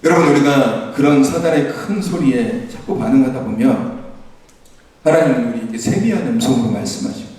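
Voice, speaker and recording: A man's voice: mid-range voice, lively intonation, fairly quick, dark tone. A man preaching a Sunday morning sermon as pastor, earnest and exhorting, recorded from a distance in an echoey church hall. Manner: earnest, exhorting, with light laughs. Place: church sanctuary.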